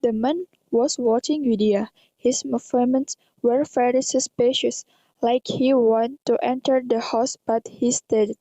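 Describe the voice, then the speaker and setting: Narrating an amateur radio drama, a young Indonesian-accented woman speaks in a fairly high, mellow voice with stilted, read-aloud phrasing. The audio is dry and dull.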